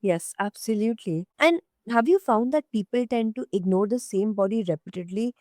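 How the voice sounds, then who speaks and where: A woman hosting an interview, asking polished, measured questions in written-sounding phrasing. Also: a little high, expressive, darkish tone, no echo, studio quality. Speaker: interview host.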